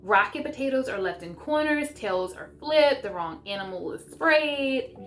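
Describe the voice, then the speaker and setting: Sharing book recommendations in a casual vlog, a homeschooling mother chats and reads excerpts aloud in an eager, talkative way. She has a high, expressive voice and a moderate pace, with music behind her.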